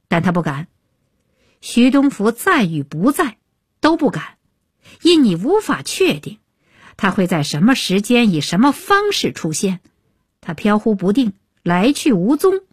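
A woman reads a long novel for radio in a slow, unhurried way, her pitch rising and falling widely to bring the scenes alive. Her voice is slightly husky and sits close to the mic in a dry, dead studio. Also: no echo. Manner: expressive, unhurried storytelling. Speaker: storyteller. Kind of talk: serialized novel reading for radio.

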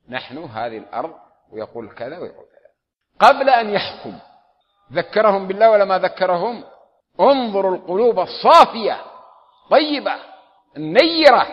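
Man preaching in a reverberant hall. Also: high voice. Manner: asks the audience repeated questions. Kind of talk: sermon. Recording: dull lo-fi audio with long hall reverb.

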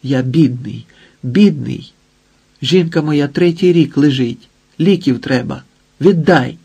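A man's voice: a little high, slow pace, vocal fry, dark tone, husky, exaggerated voice. A man voicing an old miserly man who pleads in a shaky, quavering voice. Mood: pleading.

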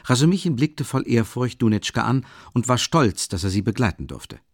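Gravelly guy reading an audiobook, calm and measured, super dry close sound. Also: mid-range voice, no echo. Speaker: audiobook narrator. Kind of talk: scripted audiobook narration.

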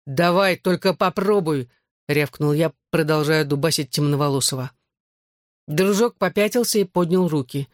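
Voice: mid-range voice, no room sound, clean studio sound. Tense first-person audiobook narrator. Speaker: audiobook reader.

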